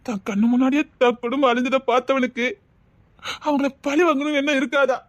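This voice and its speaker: A woman's voice: sits high, steady tone, fairly quick, dry recording, close to an everyday voice. A woman voicing a young woman who begs her friend to live, speaking with a Tirunelveli Tamil accent in a tearful, pleading way. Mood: begging.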